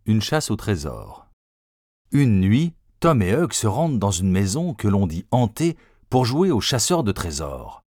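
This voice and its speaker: A man reads a story aloud, slowly and deliberately, in a low voice that moves up and down with lots of expression. The recording is dry and close. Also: sing-song, darkish tone, no echo. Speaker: reader.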